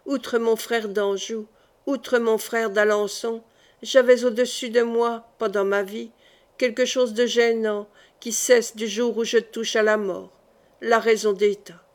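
A woman voicing a dying, weary king who speaks softly and confidingly in an audiobook reading. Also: steady tone, measured pace, lightly acted. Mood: remorseful. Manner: soft, low-voiced confiding.

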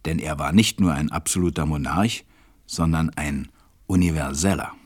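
An actor narrates a children's story for a radio play in an extremely low male voice. His reading is measured and scripted.

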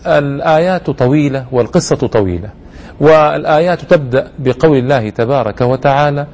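A man's voice: a little high, fairly quick, darkish tone. Earnest man lecturing in formal Standard Arabic. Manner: earnest, reverent, rhetorical questions. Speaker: host of a religious programme. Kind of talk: religious lecture to listeners.

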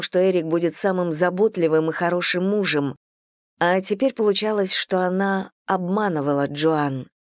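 Low-voiced woman narrating a story. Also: darkish tone, no echo, studio quality. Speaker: audiobook narrator. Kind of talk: scripted narration.

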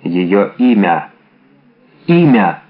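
A man's voice: medium pitch, very animated, moderate pace, lightly acted. A man reading a passionate young musketeer. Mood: alarmed. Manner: urgent, emotional. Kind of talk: audiobook character reading. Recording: dull lo-fi audiobook recording.

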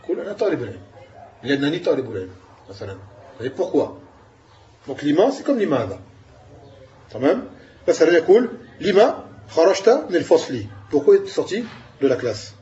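A man's voice: on the high side, sing-song, racing, pauses often, warm tone, dull audio, a little hiss or hum. A man giving an Arabic grammar lesson, explaining patiently and asking his students questions. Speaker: Arabic teacher.

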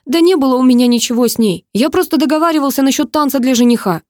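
A woman's voice: sits high, fast, a little mellow, no room sound, studio quality, pitched above the performer's own voice, natural voice. A woman voicing an insistent young man. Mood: pleading. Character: young man, cold, then pleading ex-lover.

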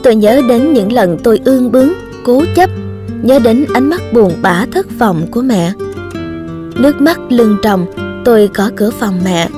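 Woman, audiobook narration, calm, gentle, slightly high voice, soft music behind. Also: moderate pace.

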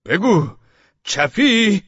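Guy doing a mean yelling cop, high and loud, kinda husky, dull old recording. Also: big pitch swings, dry recording, full character voice. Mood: taunting. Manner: barking, interrogating. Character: brutal shouting male police officer.

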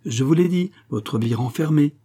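A timid young woman who hesitates over every word, as a male narrator voices her. The voice is lifted in pitch yet stays husky and dark. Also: animated, moderate pace.

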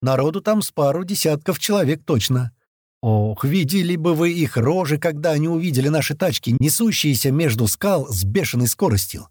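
Man, audiobook narrator, first-person action story, husky, slightly high voice, dry close sound. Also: a little fast, no echo. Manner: lively, voices the gang's shouts in character.

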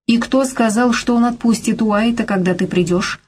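A woman's voice: a little high, moderate pace, a little hiss or hum, voice pushed up, natural voice. A woman voicing a frightened young woman who pleads and begs her lover not to go. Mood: pleading. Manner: desperate, pleading, tearful.

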